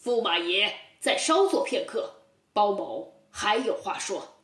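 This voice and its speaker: A man's voice: high-pitched, animated, takes it slowly, fairly bright tone, echoey room, distant mic, full character voice. A woman voicing a stern, upright old male judge in a children's storybook tale, speaking with commanding force.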